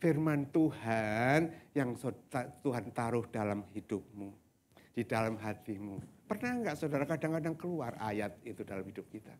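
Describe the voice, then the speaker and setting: A man's voice: medium pitch, normal speed, a little mellow. A man preaching a sermon as pastor, speaking conversationally and often addressing his congregation directly. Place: church service, live-streamed.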